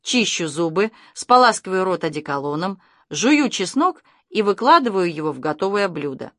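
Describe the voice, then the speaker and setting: A woman voicing a calm, affectionate young mother in a storybook, in a gentle, matter-of-fact way. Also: fairly low pitch, moderate pace, no room sound, clean studio sound.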